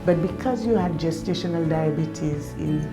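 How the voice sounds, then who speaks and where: A woman's voice: low voice, moderate pace. A woman, a clinician explaining things instructively to a patient. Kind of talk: patient consultation. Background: faint music.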